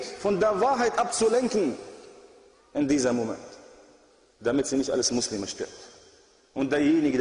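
A man's voice: high-pitched, darkish tone. A man preaching a sermon in an earnest, exhorting manner, recorded with echoey hall reverb.

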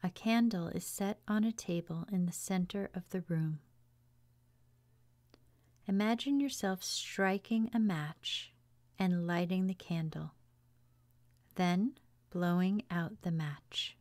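A woman guides a relaxation meditation in a soft, fairly low voice. She speaks very slowly and soothingly, with long pauses, and her phrases often trail into a breathy hush. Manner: slow, soothing, hushed delivery with long pauses. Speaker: yoga teacher guiding meditation.

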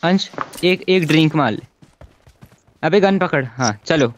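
A man's voice: fairly high pitch, expressive, measured pace, a little hiss or hum. A man leading his squad in a shooter game, giving urgent, repeated commands to teammates. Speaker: squad leader streaming a battle royale game. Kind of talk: live gameplay callouts. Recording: loud gunfire under game audio.

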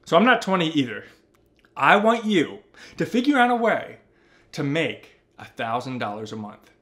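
Thirtysomething guy hyping up a spreadsheet, animated and pushy, voice a bit on the high side, home office. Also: normal speed. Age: 30s. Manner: animated, emphatic, talks straight to viewer. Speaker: personal finance YouTuber. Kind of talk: energetic explainer over spreadsheet.

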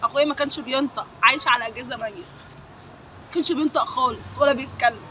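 A woman's voice: high voice, fast talker, sharp tone, a little hiss or hum, rough recording. A grieving woman with an Egyptian Arabic accent, the victim's sister, speaking emotionally with repeated invocations against the accused in a street interview.

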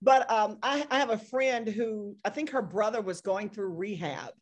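A woman's voice: mid-range voice, normal speed. A woman hosting a gospel interview, talking casually and answering with amens and hallelujahs. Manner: warm affirming interjections, says amen and hallelujah. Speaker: interview host, radio personality.

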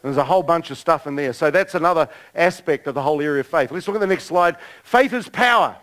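A middle-aged man preaching a sermon to a church congregation. He tells stories in an animated way, acts out the voices of people in them, and pokes fun at himself. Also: on the high side, fast, low-quality recording. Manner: animated storytelling, acting out quoted voices, self-mocking humor. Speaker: pastor. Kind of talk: storytelling sermon. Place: church service before a congregation.

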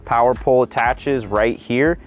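A man's voice: mid-range voice, normal speed. A man in his thirties, the channel host, casually explaining a boat install outdoors to his viewers. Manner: upbeat, relaxed explaining to viewers. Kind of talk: casual how-to vlog. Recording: faint music underneath.

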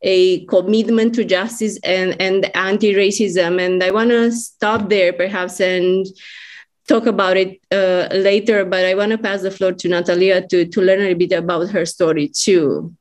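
Woman, from Romania, panelist, earnest, deliberate, mid-pitched voice. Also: steady tone. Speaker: panelist, scholar activist. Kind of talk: panel discussion.

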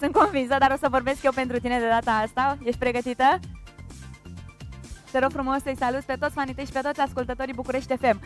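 A woman's voice: high-pitched, little pitch movement, loud music behind the voice. A woman ventriloquist performing as a guest on live radio, speaking in a playful, coaxing way.

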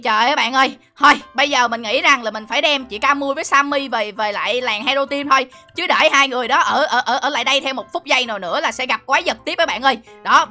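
A young woman narrates her game in a high, bright, fast voice. She exclaims and shrieks dramatically and throws teasing threats at the enemy. Faint music plays underneath. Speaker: gaming video host. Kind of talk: excited game commentary.

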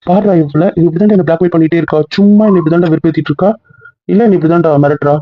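Young guy nagging his wife super fast, kinda high voice, dull dry audio. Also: no room sound. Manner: scolding, teasing, rapid-fire questions. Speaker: husband in a couple vlog skit. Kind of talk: casual couple banter.

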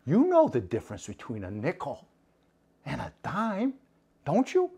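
A man voicing a patient father who speaks softly and coaxingly to his daughter. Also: fairly high pitch, huge pitch swings, measured pace, breathy edge, full character voice. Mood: gentle.

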